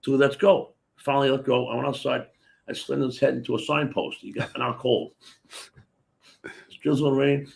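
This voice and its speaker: A man's voice: medium pitch, flat delivery, normal speed, creaky, pauses often. A man in his sixties hosting a casual chat, telling stories animatedly and acting out the voices of the people in them. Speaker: host.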